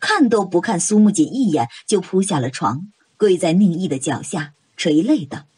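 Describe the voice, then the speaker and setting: A woman narrating a novel audiobook in an expressive, dramatic storytelling manner. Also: on the low side, moderate pace, breathy edge, no room sound.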